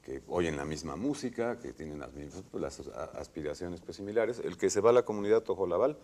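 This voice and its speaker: Mexican male academic panelist, deep and animated. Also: fairly quick. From Puebla, Mexico. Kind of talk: panel discussion.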